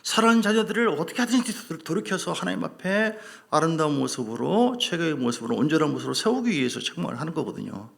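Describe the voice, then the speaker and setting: A man's voice: fairly high pitch, big pitch swings, quick pace, gravelly, hardly any pauses, fairly bright tone. A male pastor preaching a sermon in an emphatic way, repeating key words and asking rhetorical questions.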